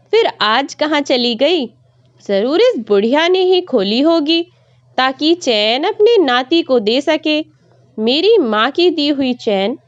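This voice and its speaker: A woman voicing a harsh young daughter-in-law who shouts scornful accusations at her mother-in-law. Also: high voice, dry recording, muffled recording, full character voice.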